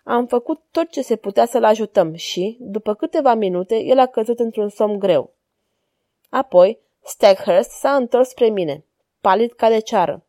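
A woman narrating a story in a calm, even reading voice. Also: fairly high pitch, no room sound, studio quality.

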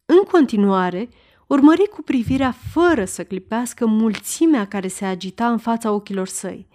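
Woman narrating in a measured, steady voice. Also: fairly high pitch. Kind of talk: audiobook narration of a historical novel.

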